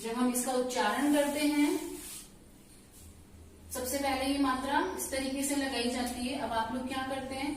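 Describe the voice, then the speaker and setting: Female teacher, higher voice, slow and patient classroom delivery, distant mic with heavy room echo. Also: steady tone, a little hiss or hum. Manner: slow, patient explaining with questions to pupils. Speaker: school teacher. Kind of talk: classroom lesson. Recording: very echoey room, voice from far off.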